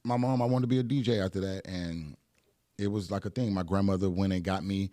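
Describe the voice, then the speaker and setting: This Atlanta, Georgia native in his thirties, speaking with a Southern Atlanta accent, is a laid-back podcast guest telling stories packed with fillers and laughs. He has a warm, low voice with fairly even intonation, talking a little fast. The podcast studio recording is dry and clean.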